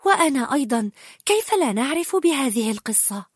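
A woman voicing a gentle, shy young queen in a storybook, speaking softly and modestly. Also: high-pitched, very animated, fairly quick, breathy edge, no echo, studio quality, pitched above the performer's own voice, heavily acted. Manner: soft, modest.

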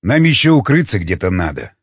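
A man voicing a stern, curt male squad leader questioning a prisoner, husky-voiced. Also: deep voice, very animated, a little fast, no room sound, pitched below the performer's own voice, exaggerated voice. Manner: curt, demanding. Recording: dull lo-fi recording.

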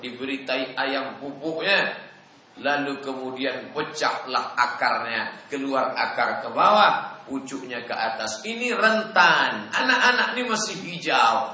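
A male preacher giving a dramatic, animated sermon in which he acts out dialogues. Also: mid-range voice. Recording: echoey hall, faint noise.

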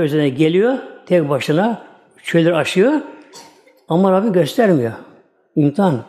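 A man's voice: on the high side, dark tone. A man, a religious teacher, giving a storytelling religious talk in a folksy, repetitive way.

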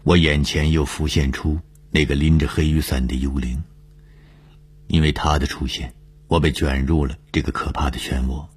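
A man narrating a suspense story in measured, deliberate audiobook style. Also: very deep voice, fairly even intonation, breathy edge.

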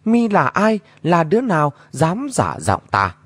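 A man voicing a mysterious shape-shifting mimic who taunts in a shrill, mocking voice. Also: huge pitch swings, measured pace, fairly bright tone, no echo, exaggerated voice. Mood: mocking taunting.

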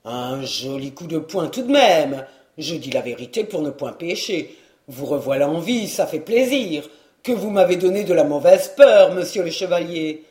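A man voicing a clumsy, devoted rustic manservant who talks in loud exclamations and peasant oaths. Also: a little high, expressive, normal speed, pitched below the performer's own voice, natural voice. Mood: relieved. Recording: roomy echo.

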